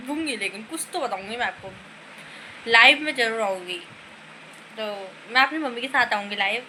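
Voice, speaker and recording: A woman vlogger chatting to her phone camera in a rambling, casual way. She keeps calling her viewers guys and speaks softly because her mouth is sore. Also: a little high, a little hiss or hum, low-quality recording. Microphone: phone camera filming herself.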